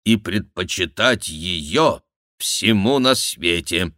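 Man doing a slow booming heavenly voice. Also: expressive, bright, forceful tone, no room sound, clean studio sound, full character voice. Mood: stern. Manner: slow, solemn, preaching. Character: booming male voice posing as God, stern.

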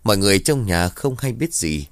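A man narrating a rural ghost story in a steady, even storytelling manner. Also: fairly low pitch, fairly quick, no echo.

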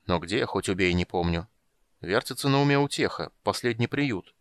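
A man's voice: lowish voice, animated, normal speed, clear, resonant tone, no room sound, clean studio sound, close to an everyday voice. A man reading the part of a giant blacksmith who speaks in a curious, thoughtful manner. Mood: puzzled. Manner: thoughtful and wondering.

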